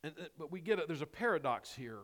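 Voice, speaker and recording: A male pastor giving a sermon, his voice going hoarse, with passionate, emphatic preaching that drops to quiet, low asides. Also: very animated, fast talker. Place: church sanctuary. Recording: long reverb of a large hall.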